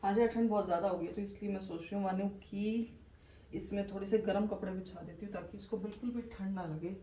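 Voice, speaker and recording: A woman's voice: mid-range voice, fairly even intonation, quick pace, mellow. A young woman from India chatting casually to her phone camera at home as she gets ready, as a mother vlogging her day. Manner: chatty, talks to camera while getting ready. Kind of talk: casual home vlog narration. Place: home, indoors.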